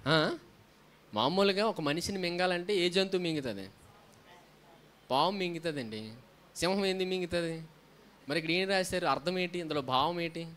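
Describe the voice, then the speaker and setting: A man's voice: on the high side, lively intonation, moderate pace, pauses often, a bit bright. A man preaching a sermon as a pastor, often asking the congregation questions and answering them himself, with frequent hallelujahs. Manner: frequent hallelujahs between points.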